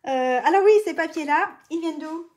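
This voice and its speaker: A woman hosting a live craft tutorial, chatting casually, greeting viewers by name and filling pauses with hesitations. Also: very high-pitched, darkish tone. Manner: chatty, greets viewers by name mid-sentence, many fillers.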